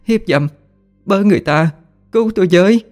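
A man's voice: brisk, a little mellow, soft background music, lightly acted. A man voicing a spirit that fakes a young woman's panicked screams for help. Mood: shrieking. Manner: shrill panicked shrieking.

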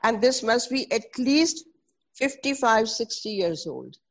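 A woman's voice: fairly high pitch, expressive, measured pace. A middle-aged woman with a North Indian accent gives an informal explanatory talk, mixing English with Hindi and Sanskrit and repeating terms as she teaches. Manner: didactic, spells out and repeats terms. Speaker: presenter explaining traditional Indian textiles.

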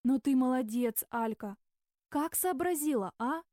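A woman's voice: lively intonation, measured pace, warm tone, no echo. A woman voicing a young female bartender, desperate and close to sobbing. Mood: relieved. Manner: high, sobbing, exclaiming.

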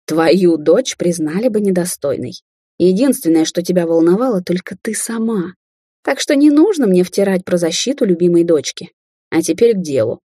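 A woman's voice: fairly low pitch, lively intonation, normal speed, dark tone, slightly rough, dry recording, studio quality. A woman reading an audiobook, voicing a young sorceress who speaks to her mother sarcastically and tauntingly. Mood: cold. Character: young adult woman sorceress, mocking daughter.

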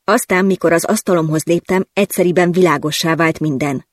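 An audiobook narrator reading a first-person novel in a lively, wry storytelling manner. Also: medium pitch, dry recording, clean studio sound.

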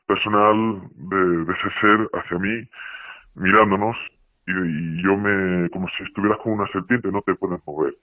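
Man, disguised through a voice changer: very deep, tinny and narrow, dry and close, halting delivery. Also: no echo. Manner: hesitant, halting, many fillers. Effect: voice distorted to hide identity. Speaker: guest witness. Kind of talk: telling his own story on radio. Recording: narrow tinny phone-like sound.

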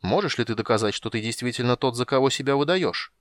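A man's voice: medium pitch, animated, fast talker, dry recording, natural voice. Man doing a stern demanding leader. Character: stern male half-elf leader.

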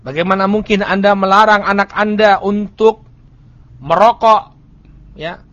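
High-voiced man teaching on lo-fi audio. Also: steady tone, a little slow, a bit bright. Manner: chants Arabic text, then explains it, with frequent "ya" asides. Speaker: Islamic teacher. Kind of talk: religious study lecture. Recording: dull lo-fi audio.

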